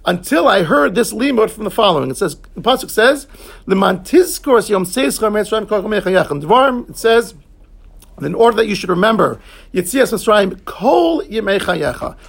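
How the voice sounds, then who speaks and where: A man leads a Talmud class, glossing each term in English and turning to his students between points. His voice sits high and has a gravelly, husky edge. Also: big pitch swings. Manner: explains terms in English, quick asides to students. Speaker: rabbi teaching Talmud class.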